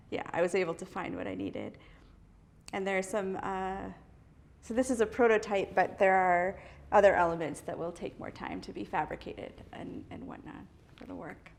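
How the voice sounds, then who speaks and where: A woman artist from the US East Coast in a casual interview, talking thoughtfully with many fillers, restarts and light laughs. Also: medium pitch. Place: indoor art studio.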